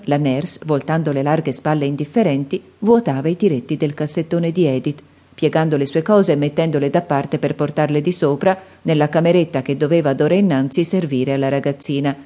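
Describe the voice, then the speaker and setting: A woman narrating a classic novel as an audiobook, in a calm, even storytelling manner. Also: sits low. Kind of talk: scripted narration.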